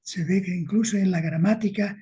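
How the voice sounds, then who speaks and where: Man lecturing slow n careful, mellow voice, kinda high, asks if ppl follow. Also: fairly even intonation, slightly rough. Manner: slow and deliberate, checks with listeners. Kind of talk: academic lecture with slides.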